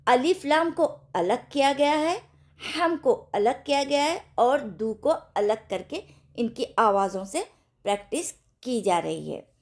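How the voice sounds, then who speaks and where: A woman teaching tajweed in an online lesson, explaining patiently, checking in with her students and sounding out syllables slowly for practice. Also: on the high side, animated. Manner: slow, patient teaching with repeated check-ins. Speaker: Quran recitation teacher.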